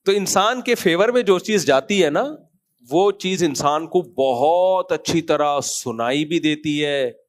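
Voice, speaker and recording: A man's voice: on the high side, expressive, takes it slowly. A man giving a conversational religious talk, telling anecdotes and jokes and acting out the dialogue in different voices. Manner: storytelling, acts out dialogue in different voices, chuckles. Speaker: Islamic scholar giving a talk.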